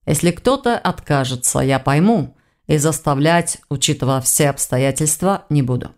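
A woman reading an audiobook, voicing a calm, decisive young man who leads the group in a low, measured voice. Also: natural voice. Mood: tired resolve. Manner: low measured steady speech.

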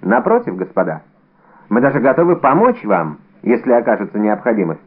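A man's voice: on the low side, big pitch swings, fairly quick, breathy edge. Man voicing D'Artagnan, brash young musketeer. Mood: scheming. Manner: brash, theatrically loud. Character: bold clever young musketeer man, cunning. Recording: narrow phone-like audio band.

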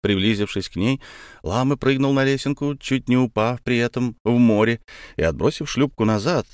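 Male audiobook narrator, mid-pitched, measured, dry close-mic sound. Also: no room sound.

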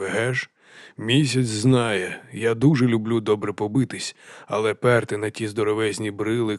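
A man voicing a fat, cheerful, half-mad male chieftain, drawling and sing-song, dropping to a hush and then booming. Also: no echo, clean studio sound, lightly acted. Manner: drawling and sing-song, swinging between hushed and loud. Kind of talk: audiobook character voice.

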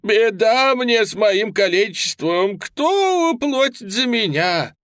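A squealing, high-pitched soldier who whines and clowns, his voice cracking upward as he wails his complaints. A man plays him while reading the story aloud. The voice is close and dry, with no room around it. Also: big pitch swings, takes it slowly, bright, forceful tone, no room sound, exaggerated voice. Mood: whining. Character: shell-shocked beggar soldier, shrill, whining, crippled.

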